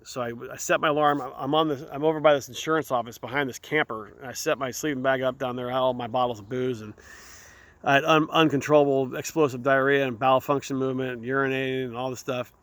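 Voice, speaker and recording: A man hosting his own show, telling a candid personal story in a rambling, halting way, often repeating words. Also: medium pitch, a bit bright, dry recording. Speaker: show host.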